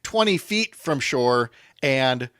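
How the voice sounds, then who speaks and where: A man hosts a radio show in a very dry, close sound. He banters in an animated way with quick bursts of excitement, then reads sports scores in a brisk roundup. His voice sits in a middle range. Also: mid-range voice, clean tone, no echo. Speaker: radio talk show host. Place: home by a lake window.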